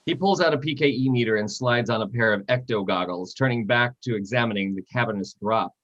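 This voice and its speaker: A man narrating screenplay stage directions at a live reading, steady and descriptive. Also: medium pitch, a little fast. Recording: dull lo-fi sound.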